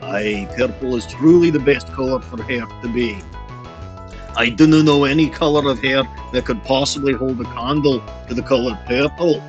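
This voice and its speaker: A man whose voice comes through a voice changer that drags it lower. He rambles in a jokey mock-pirate manner. Soft music plays quietly behind him. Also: normal speed, dull audio. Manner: playful mock-pirate talk with "aye" and "lad". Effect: voice changer shifting the voice deeper. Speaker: streamer. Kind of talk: rambling livestream commentary.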